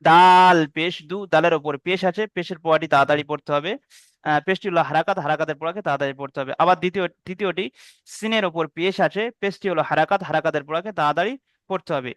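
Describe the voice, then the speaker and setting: A man teaching Arabic letter reading in an online video-call class, sounding out each letter slowly and then explaining the rules. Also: fairly high pitch, a bit bright, no room sound. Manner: slow drawn-out drilling of letter sounds.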